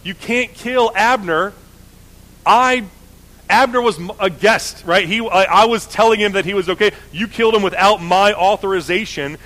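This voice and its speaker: A man's voice: sits high, normal speed, few pauses, a bit bright, rough recording. A man voicing a stern male king who firmly disowns a killing. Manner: firm, emphatic.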